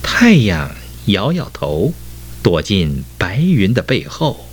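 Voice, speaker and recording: Male lesson reader, deep, unhurried delivery with a very lively melody. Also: husky, soft background music. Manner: expressive, deliberate storytelling. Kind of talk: reading a textbook story aloud.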